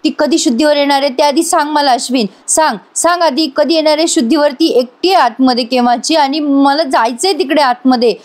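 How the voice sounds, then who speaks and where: A man's voice: extremely high pitch, moderate pace, voice pushed up. A woman narrator voicing a distraught young husband who demands answers about his unconscious wife, strained and repeating himself. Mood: angry.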